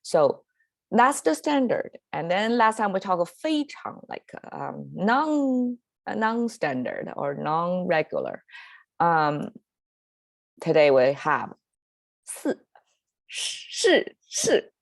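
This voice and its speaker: A woman with a Mandarin Chinese accent explains vocabulary in a relaxed teaching style, pausing on fillers and correcting herself as she goes. Her voice sits low and has a gravelly fry. The recording is dry, with no room sound. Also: no room sound. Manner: conversational, with frequent fillers and self-corrections, occasional laughs. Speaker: Chinese language teacher and podcast host. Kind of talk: casual explanatory lesson.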